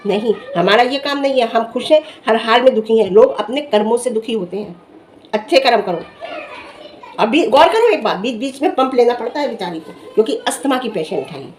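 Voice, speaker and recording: A woman's voice: on the high side, lively intonation, a little fast, slight background noise. A middle-aged woman giving heated, scolding commentary in a vlog, firing off rhetorical questions and challenges. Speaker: vlogger.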